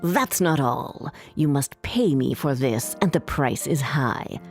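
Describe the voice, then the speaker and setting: A woman voicing a wicked old female sea witch, speaking slowly and low with a cold, threatening manner. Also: expressive, darkish tone, faint music behind, full character voice.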